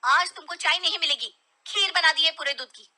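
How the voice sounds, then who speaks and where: A woman voicing a sharp-tongued wife and mother who scolds firmly. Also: very high-pitched, brisk, voice pushed up, exaggerated voice. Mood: scolding. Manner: scolding, firm.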